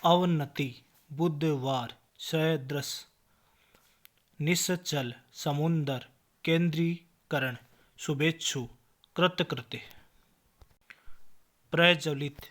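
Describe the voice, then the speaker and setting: A man tutoring Hindi spelling, reading out words one by one and correcting common mistakes. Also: fairly high pitch. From India. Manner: slow, word-by-word dictation with corrections. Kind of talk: spelling drill lesson.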